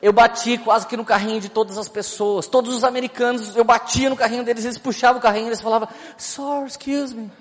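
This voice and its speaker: With an extremely high pitch, a flat delivery and a quick pace that leaves hardly any pauses, a male pastor with a Brazilian Portuguese accent preaches a humorous sermon. He is chatty and joking, frequently acting out scenes as he tells stories, and the recording carries hall reverb and faint background music.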